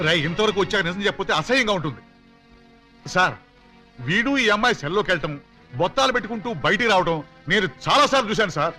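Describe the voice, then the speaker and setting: Brief: a bossy comic elder, lively pitch, quick delivery. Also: male voice, soft background music. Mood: stern. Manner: commanding, quick, theatrical. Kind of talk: film comedy acting.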